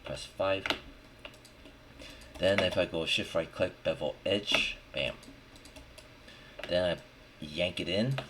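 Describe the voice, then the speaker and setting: A 3D modelling instructor with a low voice talks slowly, with long pauses, through a casual screen-recorded software tutorial. He thinks aloud informally as he works and often checks in with the listener. The recording is clearly noisy, with background noise plus keyboard typing and mouse clicks.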